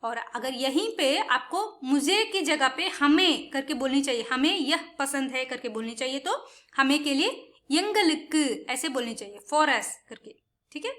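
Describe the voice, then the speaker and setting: A woman's voice: high voice, lively intonation, a little slow, a bit bright. A woman explaining a spoken language lesson patiently, often stopping to check in with the listener. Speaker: Tamil language teacher.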